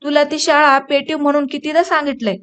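A woman's voice: high-pitched, level tone, fairly quick, a bit bright. A woman reading a harsh angry village father. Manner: harsh, scolding.

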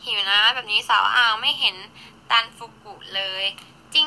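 A woman's voice: on the high side, moderate pace, vocal fry, pushed and bright, slight background noise, poor audio. A woman in her twenties chatting casually on a live stream, snacking and thanking viewers as she talks. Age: 20s. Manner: chatty, eats and reads viewer gifts while talking.

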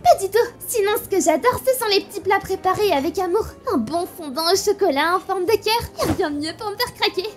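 A woman's voice: very high-pitched, expressive, brisk, hardly any pauses, soft background music. A woman acting an affectionate, teasing young girlfriend in an audio drama, with a cutesy manner. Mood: playful, teasing.

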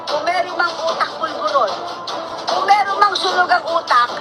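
Woman vlogger with a very high voice, ranting and repeating insults for punch, with loud music in the background. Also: normal speed, poor audio. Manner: scornful, insulting, repeats words for emphasis. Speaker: reaction video host. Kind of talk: ranting reaction video. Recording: loud music playing behind.

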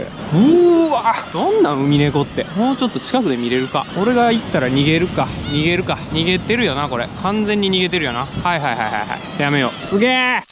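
A man's voice: on the high side, noisy background. A young man with a Kansai accent chatting and joking to himself while he vlogs outdoors by the sea on an action camera mic. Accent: Kansai Japanese. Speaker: motovlogger. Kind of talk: casual vlog commentary.

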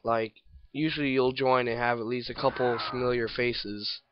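A man's voice: mid-range voice, steady tone, normal speed, muffled recording, a little hiss or hum. A man casually commenting over his own gameplay, rambling and self-deprecating, with hiccups and yawns. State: hiccups and yawning. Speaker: gameplay video maker.

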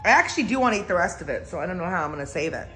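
A woman's voice: lowish voice, rapid-fire, slight background noise. A woman vlogger doing a pepper challenge, gasping and exclaiming while her mouth burns, then laughing and chatting casually. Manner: animated, exclaiming, laughing through the burn. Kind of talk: casual home video chat.

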